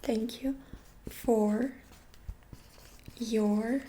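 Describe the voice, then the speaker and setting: A woman giving a whispered ASMR lesson, speaking gently and softly and repeating each short phrase several times. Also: a little high, steady tone, drawn-out words, slight background noise. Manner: gentle, soft-spoken. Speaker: ASMR creator teaching phrases.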